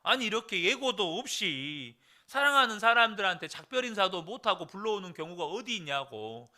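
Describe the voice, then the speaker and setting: A man's voice: high voice, big pitch swings, normal speed, bright, forceful tone, exaggerated voice. A preacher voicing an indignant man protesting. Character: indignant man complaining to God.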